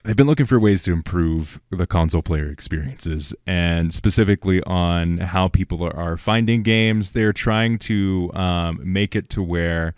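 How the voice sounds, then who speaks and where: A man co-hosting a gaming podcast, talking in a relaxed, hesitant way with many ums. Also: deep voice, unhurried, hardly any pauses, clear, resonant tone, no room sound, clean studio sound. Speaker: podcast co-host. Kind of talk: casual chat.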